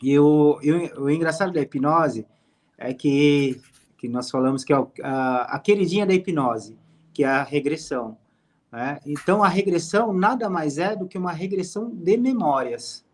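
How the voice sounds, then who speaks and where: A man, a hypnotherapist guest calmly explaining his work in an interview. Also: a little high, normal speed. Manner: calm, explanatory storytelling. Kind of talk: interview conversation.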